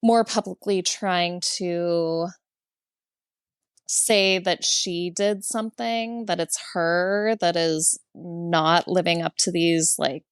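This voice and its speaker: A woman's voice: fairly low pitch, clear, resonant tone, no room sound, clean studio sound. A woman co-hosting a pop culture podcast, speaking in a casual, agreeable way with lots of backchannel replies. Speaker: podcast co-host.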